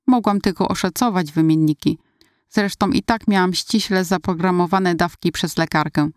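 Woman reading a first-person story aloud, calm and confiding, lowish voice, dry close sound. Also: moderate pace, smooth, no echo. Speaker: audiobook narrator. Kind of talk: first-person scripted narration.

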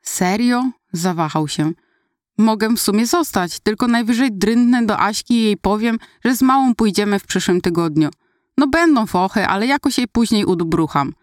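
A woman voicing a cheerful, wisecracking male coworker in an audiobook story, excitable as he talks. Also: medium pitch, normal speed, no echo, studio quality, close to an everyday voice. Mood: lively joking.

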